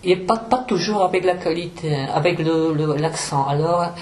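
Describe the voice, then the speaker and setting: A Czech woman from Moravia speaking French with a Czech accent, explaining poetry to an audience and pausing to search for words. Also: on the low side, a little mellow. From central Moravia, Czech Republic. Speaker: guest poet. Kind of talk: literary talk with poetry reading. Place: event hall at a cultural centre. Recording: roomy hall echo, faint room noise.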